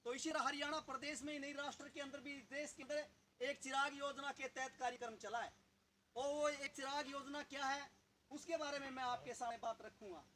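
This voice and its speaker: A man's voice: very high-pitched, steady tone, brisk, sharp tone, slight background noise. A man giving a political speech to a village gathering, asking the audience rhetorical questions. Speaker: local party leader.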